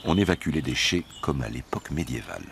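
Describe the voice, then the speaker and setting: Deep-voiced male nature documentary narrator. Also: expressive, quick pace, creaky, noisy background.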